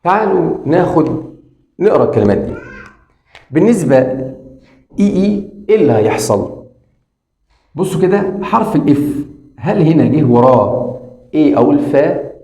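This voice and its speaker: A man with an Egyptian Arabic accent teaches English phonics to beginners, repeating sounds slowly and talking straight to the viewer. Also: a little high, mellow, reverberant. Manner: drills sounds slowly and repeats them, addresses the viewer directly.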